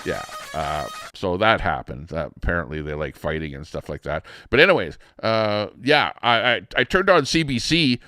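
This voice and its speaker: A man's voice: low-pitched, animated, normal speed, hardly any pauses, pushed and bright. A middle-aged man hosting a livestream, ranting in a rambling, indignant way with lots of fillers and restarts. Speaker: livestream host. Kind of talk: casual ranting commentary.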